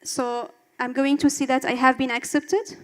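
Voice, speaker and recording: High-voiced woman demoing an app. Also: little pitch movement, moderate pace, long reverb tail. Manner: walks through steps, filler uhs. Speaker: student presenting her app. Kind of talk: demo presentation.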